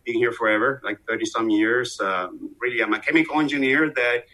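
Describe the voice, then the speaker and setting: A man in his sixties with a Venezuelan accent answers as an expert interview guest, earnest but full of fillers and restarts. His voice is medium-pitched with a sharp tone. The audio quality is poor.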